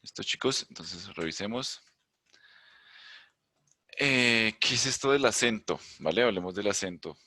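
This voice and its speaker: A man's voice: lowish voice, animated, a little slow, long pauses, sharp tone, no room sound, clean studio sound. A man teaching an online class, explaining step by step and often checking with his students that they follow. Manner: explanatory, checks in with "¿listo?" and "¿vale?"; thinks aloud, hums while searching the screen. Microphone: computer mic on a video call.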